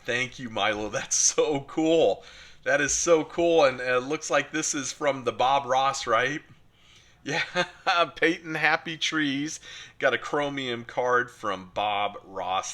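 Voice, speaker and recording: This middle-aged American card collecting channel host has a medium-pitched voice with a sharp tone. He chats casually and eagerly through an unboxing of collector mail, filling his speech with fillers.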